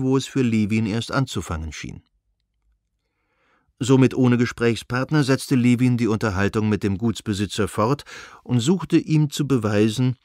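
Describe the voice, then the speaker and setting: Measured male audiobook narrator. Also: mid-range voice, darkish tone, no room sound, clean studio sound. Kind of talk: scripted narration.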